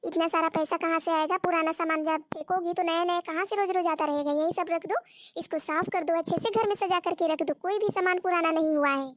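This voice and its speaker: A fussy old mother-in-law from a cartoon story, forever scolding and calling on God in despair, as a woman voices her. Her voice sits very high and piercing. It is recorded dry, with no room sound. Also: fairly even intonation, a little fast, dry recording. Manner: scolding, repeats words, calls on God. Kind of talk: Hindi cartoon story voice acting.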